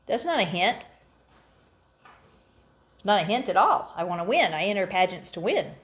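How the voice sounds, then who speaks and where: A woman co-hosting a casual chat with her partner, talking about pageants she enters, animated and quick to exclaim and laugh. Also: medium pitch. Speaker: co-host, pageant contestant.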